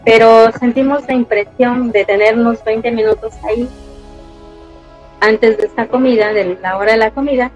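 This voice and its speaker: A woman with a Mexican accent, a panelist telling a story in a gentle, affirming way. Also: on the high side, fairly even intonation, normal speed, muffled recording, soft background music. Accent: Mexican Spanish. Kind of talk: conversational storytelling.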